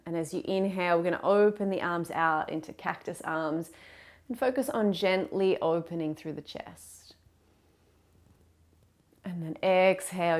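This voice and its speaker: In an unhurried, gentle manner, a woman yoga teacher with a fairly low pitch leads her class through breathing and movement. Her cues are warm and encouraging.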